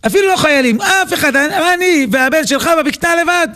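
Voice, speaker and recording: A man doing a stern, high-voiced royal tutor. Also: animated, bright, forceful tone, exaggerated voice. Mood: firm. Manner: firm, commanding.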